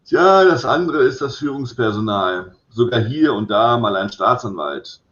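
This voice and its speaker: A man reading the lines of a cautious male police president, speaking in a measured, wry way. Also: medium pitch, lively intonation, a bit bright. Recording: roomy echo, slightly dull sound.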